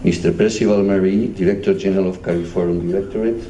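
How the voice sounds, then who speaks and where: A man with a Spanish accent giving a measured, formal conference speech as a European Union official. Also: low-pitched, steady tone, dark tone. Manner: measured, formal, reading out titles. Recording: echoey hall, distant mic, faint noise.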